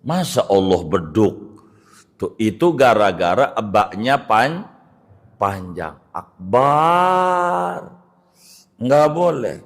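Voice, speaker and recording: A man's voice: fairly low pitch, big pitch swings, takes it slowly. A middle-aged man, a cleric giving a religious study lecture, who draws out recited phrases to demonstrate them and corrects mistakes emphatically. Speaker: Islamic cleric teaching jurisprudence.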